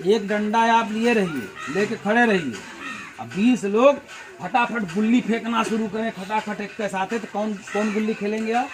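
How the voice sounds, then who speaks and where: A party organizer speaks at an outdoor village meeting, packing his speech with rhetorical questions and folksy analogies. His voice sits high.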